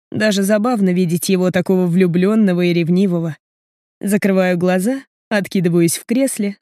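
A woman narrating an audiobook in an even, measured way. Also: mid-range voice, no room sound, studio quality. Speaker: audiobook reader.

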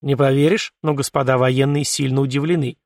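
A man's voice: mid-range voice, steady tone, fairly quick, no room sound, close to an everyday voice. A man voicing a wry, sarcastic male ship artificial intelligence in an audiobook, with a dry, mocking, matter-of-fact delivery.

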